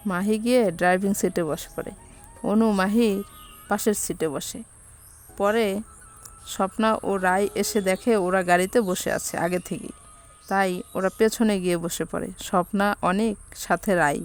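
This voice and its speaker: Female storyteller, even narration, soft music bed. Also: mid-range voice, unhurried.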